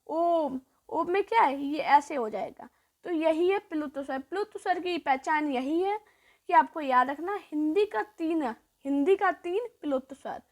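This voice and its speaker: In a high-pitched, animated voice, a female teacher works through grammar by posing questions and supplying the answers. Each point gets repeated, with sounds stretched out slowly.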